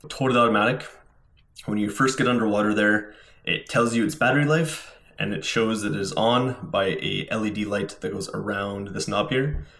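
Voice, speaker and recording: A man's voice: on the low side, moderate pace, vocal fry, fairly bright tone. A man giving a casual, informal product demonstration as a scuba diver, explaining things step by step. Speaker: scuba diver reviewing gear. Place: indoors at home. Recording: roomy indoor echo.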